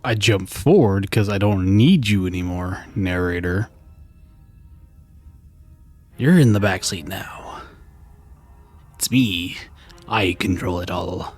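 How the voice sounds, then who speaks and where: A man's voice: low voice, slow pace, pauses often, faint music behind. A man chatting casually and wryly while playing a game, with joking, rambling asides. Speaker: let's play gamer. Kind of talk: casual gaming commentary.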